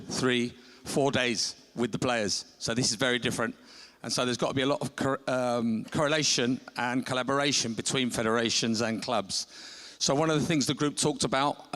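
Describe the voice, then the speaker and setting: A man with a Chilean accent addresses a conference in a mid-pitched voice. He explains things informally, with frequent pauses. His words carry a long reverb from a big hall. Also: fairly bright tone. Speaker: conference speaker, national federation football coach. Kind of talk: informal workshop summary presentation. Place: large conference hall stage.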